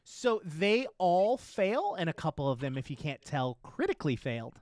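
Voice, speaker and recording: A man's voice: a little high, very animated, moderate pace, a little mellow, no echo. A man running a tabletop game in casual talk, his volume jumping up and dropping away under uneven auto gain. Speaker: game master. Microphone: desk mic with auto gain.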